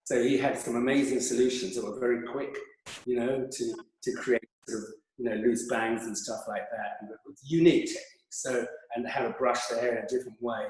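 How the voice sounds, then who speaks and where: A man's voice: medium pitch, steady tone, fairly quick, a little mellow. Older british guy rambling through stories, lots of ums, really echoey room. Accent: British English. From Britain. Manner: rambling, chatty storyteller with many fillers. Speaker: guest. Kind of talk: anecdotal interview talk.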